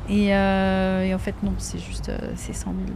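A woman's voice: medium pitch, sing-song, normal speed, creaky, a little mellow, slight background noise. A woman chatting during a live gameplay stream, reacting to viewers' messages and sometimes slipping into English with a French accent.

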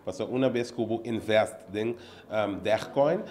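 At an indoor office opening event, a middle-aged business owner gives a news interview, talking into a close-held handheld reporter mic. He has a lowish, darkish voice and speaks at a moderate pace. Earnest throughout, he walks through his business one step at a time, filling gaps with plenty of fillers.

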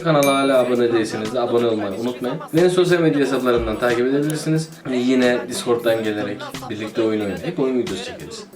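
Chatty man playing a city builder. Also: mid-range voice. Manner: chatty, joking, talks to himself while playing. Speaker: gaming YouTuber. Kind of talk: casual gameplay commentary. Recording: roomy echo.

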